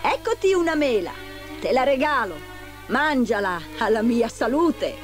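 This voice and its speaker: A woman voicing a wicked queen disguised as an old peddler woman, calling out in high, shrill cries. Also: sing-song, unhurried, over music. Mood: hawking.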